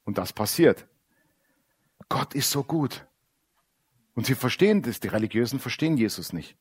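A man preaching a sermon in a blunt, animated way, acting out quoted characters and dropping to quiet asides. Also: medium pitch, normal speed, breathy edge.

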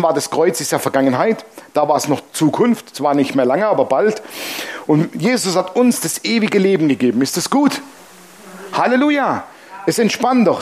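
A man preaching to his congregation as pastor, blunt and colloquial, acting out the voices in the stories he tells. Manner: animated storytelling, acting out dialogue with shifting pitch. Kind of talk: sermon.

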